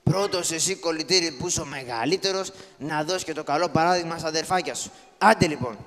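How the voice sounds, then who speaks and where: This man's voice is on the high side, a bit bright, and natural as he plays a poor, scrappy comic father in a live shadow-puppet performance. The father is bossy and teasing while scolding his kids, and the hall echoes around him.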